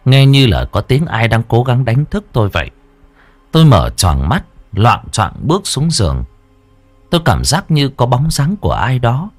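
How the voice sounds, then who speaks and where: A man narrating a horror story in a dramatic, tense way. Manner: dramatic, tense storytelling with wide swings in pitch. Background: faint background music.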